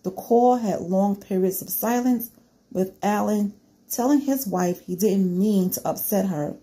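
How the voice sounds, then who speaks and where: Warm-voiced woman questioning her viewers. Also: medium pitch, a little slow, husky. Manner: conversational, poses questions to viewers, many "you know" fillers. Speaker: true crime commentator. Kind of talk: reading a news report, then casual commentary to viewers.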